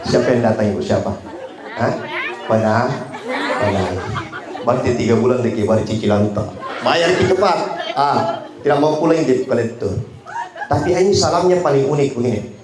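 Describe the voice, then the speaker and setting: A man's voice: medium pitch, a little fast, crowd noise. A man preaching with a Makassar Indonesian accent delivers a humorous sermon at a memorial gathering. He tells jokey stories and imitates the voices of the people in them. His voice rings through a roomy space while the audience laughs along. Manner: jokey storytelling, acting out other voices. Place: memorial gathering in a market complex.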